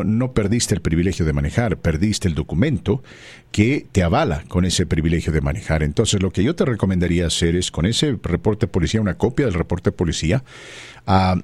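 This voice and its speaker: A man's voice: sits low, expressive, moderate pace, a little mellow, slightly rough, no room sound. A man hosting a call-in radio talk show, speaking in formal, wordy phrases with frequent fillers.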